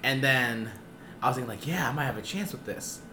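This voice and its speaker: A young man casually telling a funny story on a podcast, animated and quick to act out other people's lines. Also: noisy background. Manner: animated, acts out quotes in high squeaky voices. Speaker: podcast co-host.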